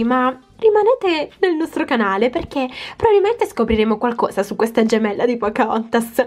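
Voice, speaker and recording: A woman narrating a toy story for children in a lively, playful way, voicing the dolls. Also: sits high.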